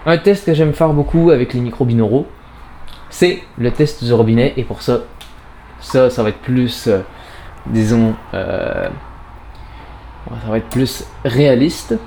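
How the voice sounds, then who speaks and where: A man hosts an informal gear demonstration. His voice sits at a middle pitch, and he chats casually, narrating what he does step by step. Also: a little slow, long pauses, mellow, slight background noise. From Canada. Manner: chatty, informal, narrates own movements step by step. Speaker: podcast host reviewing audio recorders. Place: small home studio and narrow hallway. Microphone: recorder's internal mic, later binaural in-ear microphones.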